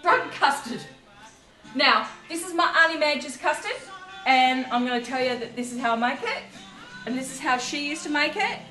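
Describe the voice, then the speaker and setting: A woman's voice: high-pitched, lively intonation, normal speed, bright, forceful tone. A middle-aged woman chatting casually while cooking at home, giggly and tipsy. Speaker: home cook hosting a video. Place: home kitchen, indoors. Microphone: camera a few steps away. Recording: echoey kitchen, distant mic, music.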